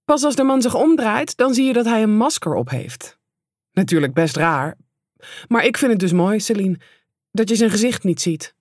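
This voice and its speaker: A woman reading an audiobook aloud in a calm, measured and plain way into a close microphone. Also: medium pitch, no echo. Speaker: audiobook reader. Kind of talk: audiobook narration.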